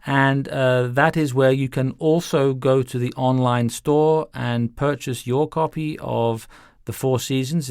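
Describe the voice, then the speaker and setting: In a close, dry recording, a music director being interviewed speaks in a conversational way. His mid-range voice carries a little gravel, and he explains things haltingly, going back over his words.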